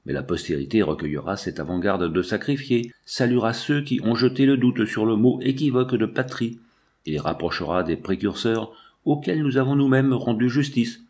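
A man's voice: mid-range voice, animated, normal speed, a little mellow, close to an everyday voice. A man voicing an earnest, idealistic young male doctor who pleads anxiously.

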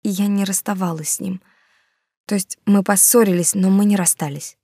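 A woman voicing a guilty young woman who speaks softly and haltingly, close to tears, apologizing as she leaves. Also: medium pitch, steady tone, husky, no echo. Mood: apologetic, strained. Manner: soft, halting, apologetic, near whisper. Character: young woman, guilty, tearful, leaving her lover.

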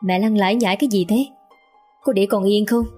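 A man's voice: high voice, a little fast, darkish tone, faint music behind. A woman voicing a hot-tempered young man who speaks curtly and threateningly to his mother. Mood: irritated. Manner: curt, demanding and threatening.

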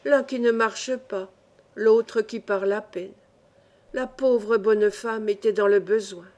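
A woman's voice: medium pitch, steady tone, slow, a little mellow, lightly acted. A woman voicing an anxious, guilt-ridden fisherman's wife who speaks in trembling, fretful tones. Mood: nervous.

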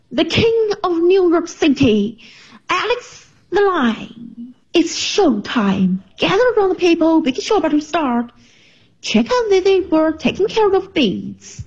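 A young woman dubbing a film clip as a grand, excited zoo announcer with showy, drawn-out delivery, on a dull played-back recording. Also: high voice, exaggerated voice.

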